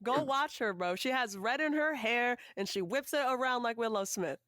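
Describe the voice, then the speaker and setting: A woman in her twenties co-hosting a casual podcast, animated and opinionated, swearing casually. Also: on the high side, moderate pace, no echo, clean studio sound. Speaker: podcast co-host.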